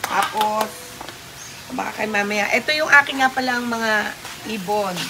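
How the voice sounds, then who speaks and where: A woman's voice: mid-range voice, unhurried, gravelly. Chatty woman in a noisy kitchen. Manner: chatty, handing out gifts. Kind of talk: casual chat.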